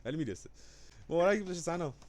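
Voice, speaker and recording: A man hosting a livestream giveaway in casual, joking chat. He swings between loud, drawn-out shouts and low, quick mutters. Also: lively intonation, noisy background.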